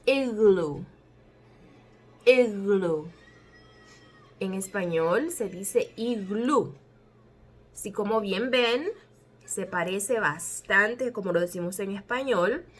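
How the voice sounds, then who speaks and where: A woman whose first language is Spanish teaches the English alphabet sounds. She speaks slowly and patiently, drawing out each letter. Her pitch sits in a middle range. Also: fairly bright tone. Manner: slow, careful, drawn-out spelling.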